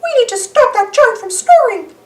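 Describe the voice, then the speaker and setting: Woman putting on a squeaky, excitable Mickey Mouse. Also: moderate pace, roomy sound. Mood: excited. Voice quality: squeaky, high-pitched. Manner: exclamatory, peppy. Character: upbeat eager male cartoon mouse hero. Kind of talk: children's storybook read-aloud.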